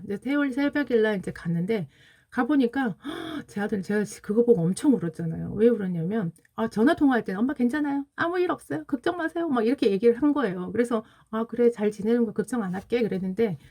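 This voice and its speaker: A woman in her forties with a slightly high, warm voice hosts a casual livestream. She earnestly tells an emotional personal story and greets viewers as they join.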